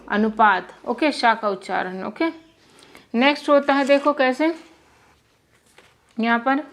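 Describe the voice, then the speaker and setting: A young woman teaching English pronunciation in a Hindi lesson, patiently repeating words and spelling out letters. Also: on the high side. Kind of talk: Hindi-language lesson explaining spelling rules.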